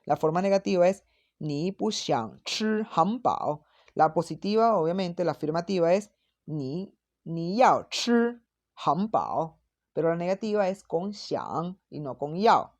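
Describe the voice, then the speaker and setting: A woman with a slightly low voice gives a patient, explanatory language lesson. She repeats her examples slowly and carefully, as if for learners following along. She often drops in short checking questions and fillers. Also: a little mellow. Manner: frequent checking tags and fillers. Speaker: Mandarin teacher.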